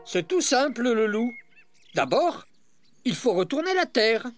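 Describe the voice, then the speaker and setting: Jolly farmer for a storybook, patient explainer, bouncy voice, soft music behind, as the reader puts him on. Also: unhurried. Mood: cheerful. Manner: lively, explaining with raised pitch. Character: cheerful, patient adult farmer, man. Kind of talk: storybook reading.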